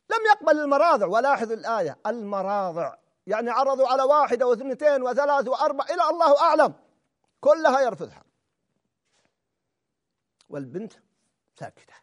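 A male preacher delivers a sermon in a strikingly high voice. His pitch swings widely, and he moves from loud, emphatic exclamations to hushed asides.

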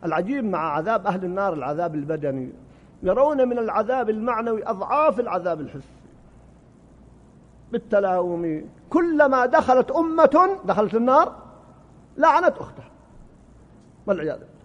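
A man's voice: high-pitched, expressive, a little fast, pauses often. A man preaching a sermon, impassioned, his voice rising and falling, sometimes stumbling over and repeating words. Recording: muffled hall recording with reverb.

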